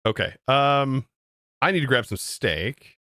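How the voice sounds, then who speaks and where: A man's voice: mid-range voice, animated, measured pace, bright, forceful tone, slight background noise. An American man streaming a game, chatting casually and answering his chat in disbelief. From United States. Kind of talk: casual livestream chat while gaming.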